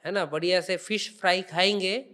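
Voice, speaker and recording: A man's voice: high voice, steady tone, normal speed, bright, forceful tone. A man speaking as a religious guest on a podcast interview, explaining spiritual teachings in an emphatic, preaching way.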